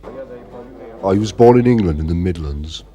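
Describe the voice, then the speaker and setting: A middle-aged man from Ireland, frontman of the band, speaks in a deep, dark voice that is animated yet a little slow. He rambles through a casual interview, constantly saying "you know."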